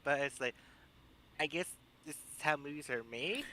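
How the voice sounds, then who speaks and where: Male co-host, slightly high and bright, stammers in casual chat, faint background noise. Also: normal speed. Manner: stammering restarts, reads out lists. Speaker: podcast co-host.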